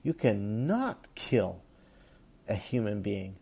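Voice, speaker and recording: A man's voice: on the low side, big pitch swings, slow pace, creaky, mellow, husky, exaggerated voice. A man voicing a shocked male police officer who lectures someone reproachfully.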